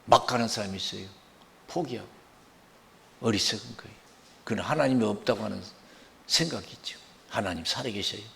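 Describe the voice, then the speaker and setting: A man preaching a sermon as pastor, emphatic, swinging between loud outbursts and hushed asides. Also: on the low side, fairly quick, vocal fry, long pauses. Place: church sanctuary. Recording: long reverb of a church hall.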